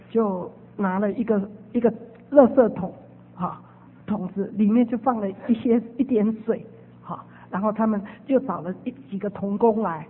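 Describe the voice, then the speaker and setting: A woman preacher telling a testimony as a storytelling sermon, animated and repeating her phrases. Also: fairly high pitch, husky. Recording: phone-like radio broadcast with long reverb.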